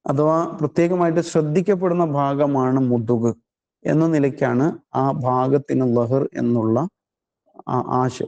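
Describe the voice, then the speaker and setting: A man's voice: a little high, warm tone, lo-fi sound. A man teaching a scripture study class, methodically explaining the meaning of Arabic words one at a time. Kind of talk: religious study lesson.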